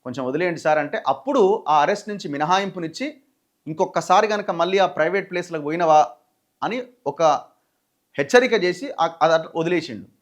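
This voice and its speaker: Male news commentator, Telangana Telugu accent, high voice, animated and conversational, restarts often. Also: brisk. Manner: animated storytelling with many restarts and acted quotes. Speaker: journalist commentator.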